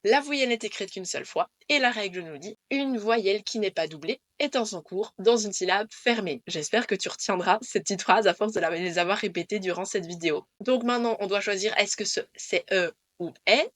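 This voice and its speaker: A woman's voice: mid-range voice, fairly quick, few pauses, no echo. Patient woman teaching Dutch vowels. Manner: clear, patient, repeats the rules. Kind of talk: explaining pronunciation to camera.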